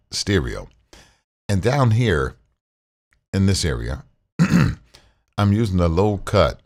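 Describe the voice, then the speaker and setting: A tech reviewer with a deep baritone voice walks through a casual tutorial while sharing his screen. Recorded on a condenser studio mic, he sounds laid-back and relaxed, repeating himself and using fillers.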